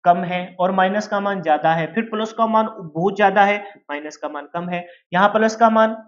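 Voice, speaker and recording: A man's voice: high voice, moderate pace, lo-fi sound. Man lecturing, asking and answering himself. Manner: repeats questions and answers them himself; calls students "beta". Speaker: teacher. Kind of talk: classroom lecture.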